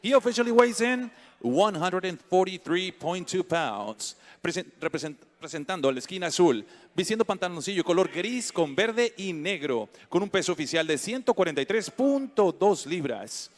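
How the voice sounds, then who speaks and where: Booming high-pitched ring announcer. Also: male voice, animated, a little fast. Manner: stretches fighter names into long booming calls. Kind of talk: bilingual fight introductions.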